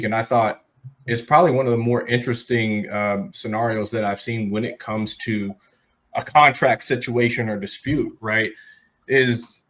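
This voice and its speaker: A man with a medium-pitched voice hosts a casual sports talk show. He talks conversationally and addresses the listeners directly as he lays out his commentary. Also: fairly bright tone. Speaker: sports podcast host.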